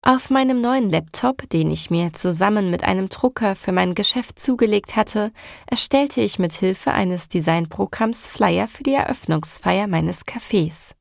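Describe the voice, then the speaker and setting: Gravelly woman reading a novel. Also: mid-range voice, measured pace, no room sound, clean studio sound. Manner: even, storytelling. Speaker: audiobook narrator. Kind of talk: first-person audiobook narration.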